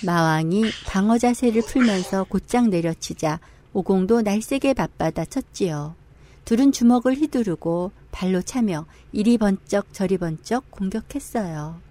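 A woman's voice: medium pitch, moderate pace, mellow, slight background noise. A woman storyteller reading a scripted children's tale as narrator.

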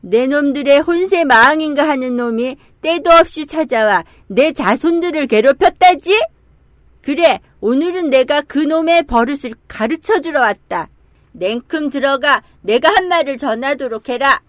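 A small storybook monkey king played by a woman, brash and defiant. The high voice gives orders and boasts boldly, always ready to challenge. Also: normal speed, few pauses, darkish tone, dry recording, clean studio sound, natural voice. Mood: defiant, angry. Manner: bold, boastful, commanding. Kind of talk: dramatized children's storybook reading.

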